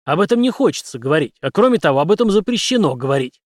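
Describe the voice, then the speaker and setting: Gruff soldier captain, read by a man, curt and grim, raised higher and louder. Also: big pitch swings, quick pace, no echo, clean studio sound. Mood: weary.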